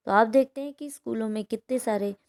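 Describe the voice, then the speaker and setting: A woman teacher with a darkish, somewhat high voice speaks a little fast as she reads a story aloud from a textbook chapter for her pupils. She then explains it line by line, frequently checking in with "है ना?".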